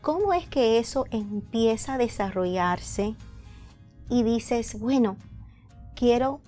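Higher-voiced middle-aged woman hosting. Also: expressive, slow pace, dark tone, soft background music. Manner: effusive, complimentary. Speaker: host. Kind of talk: scripted-sounding programme introduction and interview. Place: indoor radio and TV studio set. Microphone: lapel mic.

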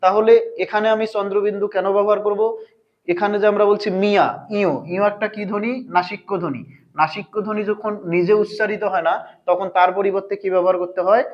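A man's voice: high voice, level tone, fast talker, dull audio. A man teaching a language lesson, asking his viewers questions and answering them himself. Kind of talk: explanatory grammar lesson.

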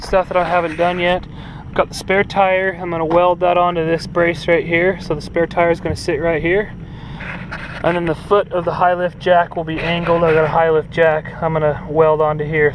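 Out in the open desert, a man vlogs a rambling tour of his trailer, stopping often for ums and uhs as he points things out hands-on. He has a somewhat high, monotone voice. Wind and outdoor sounds come through clearly on his head-mounted action camera.

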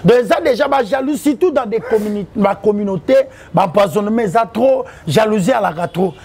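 A man's voice: high-pitched, lively intonation, fairly quick, gravelly, a little mellow, breathy edge. A man, talking in an interview with a preachy manner and quoting the Bible. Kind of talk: interview mixing French and Lingala.

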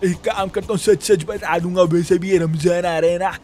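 A man doing a broke young shop helper in a game role-play, talking to himself nonstop in a Pakistani Urdu accent. His voice sits high for a man, and he rambles and chuckles between lines. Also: steady tone, normal speed, warm tone, soft background music, lightly acted. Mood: worried. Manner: rambling self-talk, frequent chuckles and "yaar".

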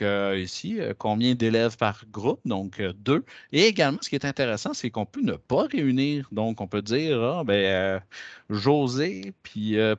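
A man with a Québécois French accent walking teachers through classroom software in a chatty, hesitant way, with plenty of fillers. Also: on the low side, dry recording, dull audio. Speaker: educational technology trainer. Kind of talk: screen-share software demo. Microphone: headset.

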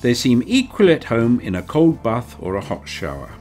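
A man reading scripted nature documentary narration in a measured, wryly playful storytelling manner. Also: mid-range voice, huge pitch swings, darkish tone. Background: background music.

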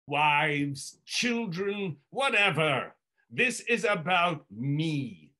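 An actor playing Scrooge, a grumpy, self-pitying old miser who complains slowly. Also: male voice, a little high, pushed and bright, heavily acted. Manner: slow, self-absorbed complaining.

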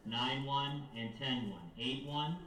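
A man's voice comes through a school intercom speaker, distant and echoing around the classroom. He delivers announcements in a measured, repetitive way, restating each instruction. A faint hum sits under the sound. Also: medium pitch. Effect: heard over a school intercom loudspeaker. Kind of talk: public address announcements. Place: classroom, heard from a wall speaker.

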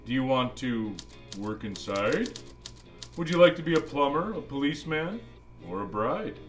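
Man playing jolly, animated old Santa Claus reading aloud. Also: medium pitch, normal speed, faint music behind, close to an everyday voice. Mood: playful, animated. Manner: playful, musing, addresses the listeners as kids. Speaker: storybook reader. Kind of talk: animated children's storybook read-aloud with playful asides.

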